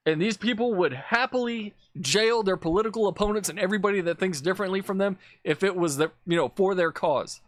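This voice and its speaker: A man's voice: sits high, fairly quick, few pauses, dry recording. A man giving casual commentary over video clips, blunt and profane, ranting with exasperation. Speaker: political commentator.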